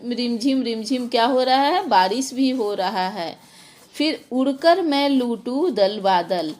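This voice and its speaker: Slow, patient woman teacher. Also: on the high side. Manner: patient and explanatory, mixing in English words. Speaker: school teacher. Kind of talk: explaining a children's poem to pupils.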